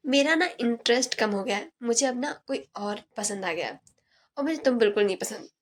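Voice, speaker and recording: A woman voicing a quick-tempered young fiancée who scolds sarcastically. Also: a little high, expressive, natural voice. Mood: angry sarcastic.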